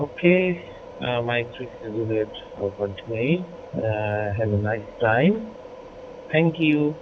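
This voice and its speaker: Man from Bangladesh, ham radio operator, polite, halting, fairly low pitch, tinny crackly radio. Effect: crackly digital ham radio transmission. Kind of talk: radio contact exchange with call signs. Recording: tinny, noisy narrowband radio link.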